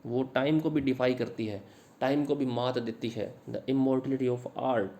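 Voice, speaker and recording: A man who teaches English literature, explaining a sonnet in Hindi to students and reading English lines slowly. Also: mid-range voice, steady tone, warm tone. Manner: explains in Hindi, slow English phrases read aloud; addresses students directly. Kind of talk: Hindi lecture on an English poem.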